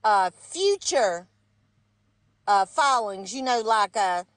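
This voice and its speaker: A woman's voice: mid-range voice, lively intonation, slow pace, fairly bright tone, no room sound. A woman from the North Carolina mountains with an Appalachian accent, venting about politics in a blunt, scolding, folksy way on a live stream. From mountains of North Carolina, United States. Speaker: guest caller on a live stream.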